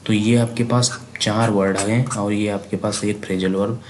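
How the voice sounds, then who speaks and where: Low, flat-voiced Indian man teaching vocabulary. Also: moderate pace, noisy background. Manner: repetitive, asks and answers his own questions. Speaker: exam prep teacher. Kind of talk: vocabulary lesson, spelling words aloud letter by letter.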